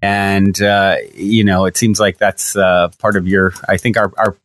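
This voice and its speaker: A man hosting a podcast, talking in a relaxed, enthusiastic way with lots of fillers. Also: low-pitched, a little slow. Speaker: podcast host. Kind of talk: casual interview talk.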